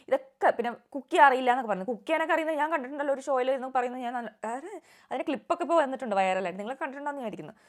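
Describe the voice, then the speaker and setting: Young woman, vlog reviewer; rapid, opinionated, drops English words in. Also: fairly high pitch. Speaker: reality show reviewer. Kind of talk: casual vlog commentary.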